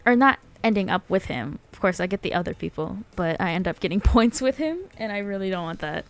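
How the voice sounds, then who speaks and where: A woman's voice: mid-range voice, animated, brisk, soft background music. A woman on a casual gaming stream who reads game text aloud and laughs often between jokey asides.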